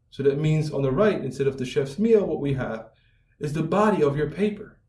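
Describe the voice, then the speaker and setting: A man's voice: on the high side, darkish tone. A man teaching academic writing, explaining step by step over slides and often checking in with "right?". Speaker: writing instructor. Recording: roomy echo, mic at a distance, faint music.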